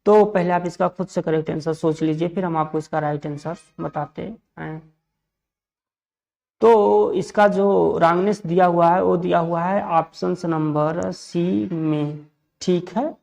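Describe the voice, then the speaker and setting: A man from India teaching an English grammar lesson for exams. He asks questions and answers them himself, repeats set phrases, and reads the example sentences slowly. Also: high voice, steady tone, gravelly, darkish tone. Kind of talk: exam-prep grammar lesson.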